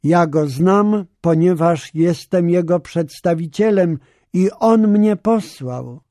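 Jesus speaks as a calm male teacher with authority, voiced by a man reading scripture aloud. The delivery is measured and solemn, very slow and deliberate. The tone is dark and mellow, and it sits a little high. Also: no room sound, studio quality.

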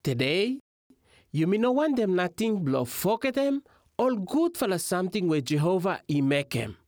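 A man's voice: high voice, big pitch swings, normal speed, darkish tone, dry recording, studio quality. A man with a Vanuatu Melanesian pidgin accent, giving a Bible teaching talk as a religious teacher.

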